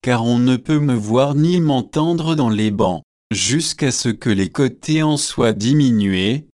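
A solemn young clergyman who holds forth at an unhurried pace, read by a man. He sounds pompous and pleased with himself. The sound is dry and close. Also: mid-range voice, lively intonation, a little mellow, dry recording. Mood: earnest. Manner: grave, self-satisfied delivery. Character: earnest young male curate, pompous.

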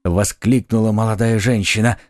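A man narrating an audiobook in a measured, expressive manner. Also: fairly low pitch, no room sound, clean studio sound. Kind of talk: scripted narration.

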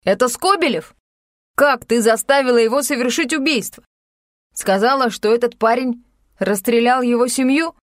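A man's voice: extremely high pitch, normal speed, no room sound, clean studio sound, voice pushed up. A woman narrator voicing an anxious male doctor in an audiobook, pleading and insistent with a young woman.

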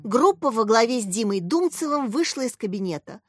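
A woman reading a children's story aloud as the narrator, in clear, even storytelling. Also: a little high, a little fast, no room sound. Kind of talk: audiobook narration. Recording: dry close voice with soft music.

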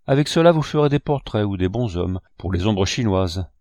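Man voicing a gentle painter uncle, fatherly, low voice, dry storybook reading. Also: lively intonation, moderate pace, no echo, lightly acted. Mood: kindly. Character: kindly grave male painter, an uncle.

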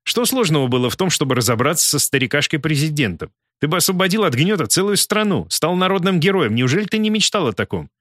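A man's voice: fairly high pitch, very animated, fast talker, few pauses, fairly bright tone, no echo, studio quality, voice pushed up. A man voicing a cruel, scheming male villain in an audiobook, with a mocking, sneering manner. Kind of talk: audiobook character voice.

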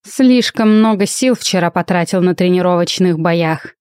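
A woman's voice: fairly low pitch, moderate pace, a little mellow, smooth, no room sound, studio quality, natural voice. A woman voicing an indignant male werewolf professor who protests and snaps back at students. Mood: restrained. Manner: huffy, protesting.

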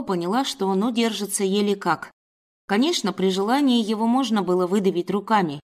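A woman reading a first-person story aloud in steady storybook narration. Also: medium pitch.

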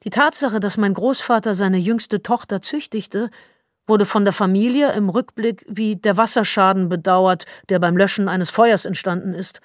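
A woman narrating an audiobook in a measured, wry storytelling manner, close to the mic. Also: medium pitch, steady tone, no room sound. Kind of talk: scripted narration.

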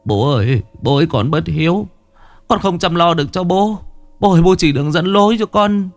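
A man's voice: a little high, lively intonation, normal speed, dry recording, pitched above the performer's own voice. A man voicing a sobbing middle-aged son. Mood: tearful. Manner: tearful, pleading.

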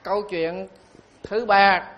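Monk telling stories. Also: male voice, high-pitched, fairly even intonation, lo-fi sound. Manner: storytelling, slow and emphatic on key phrases. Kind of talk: sermon.

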